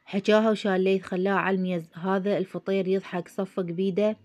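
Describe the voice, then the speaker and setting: A woman's voice: medium pitch, level tone, fast talker, a little mellow. A woman with an Iraqi accent narrating a story in the first person, reading steadily. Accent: Iraqi Arabic.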